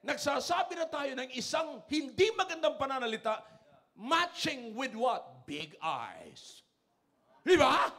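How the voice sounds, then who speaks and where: A man with a Filipino accent preaching a sermon in church, mixing English and Tagalog, calling out to his congregation and rising to shouts. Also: very high voice, normal speed. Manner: switches between English and Tagalog, calls out to congregation; loud, dramatic preaching with shouting peaks. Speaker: pastor.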